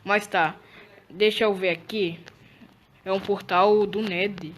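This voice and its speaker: A woman narrating her way through a game role-play in a mid-pitched voice. She is excitable, gasping and repeating her exclamations. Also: slow pace, slight background noise.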